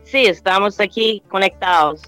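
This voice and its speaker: Calm middle-aged American woman speaking Spanish. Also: mid-range voice, clear, resonant tone, dry recording, soft background music, low-quality recording. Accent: American English. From United States. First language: English. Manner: calm, unhurried, mixes in English words. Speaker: guest astrologer and yoga teacher. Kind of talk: remote interview over a call.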